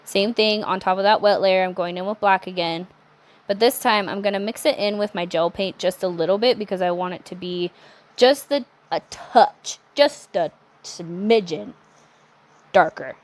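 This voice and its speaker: A young adult woman talking through a nail art tutorial in a chatty, relaxed way, with self-correcting asides. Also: mid-range voice, fairly quick. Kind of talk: casual step-by-step tutorial narration.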